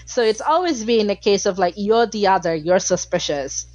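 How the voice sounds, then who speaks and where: Animated woman guest on a dull line. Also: medium pitch, moderate pace, dry recording. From Malaysia. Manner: animated, emphatic, frequent fillers. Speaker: podcast guest. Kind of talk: casual interview talk.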